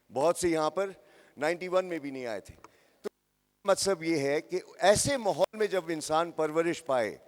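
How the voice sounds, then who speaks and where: Man in his 60s, motivational speaker, slow delivery, long hall reverb, talks to the crowd, repeats for emphasis. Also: a little high. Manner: interactive, addresses the crowd and repeats phrases for emphasis. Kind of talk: motivational talk to young audience. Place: large hall with live audience. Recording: echoey hall.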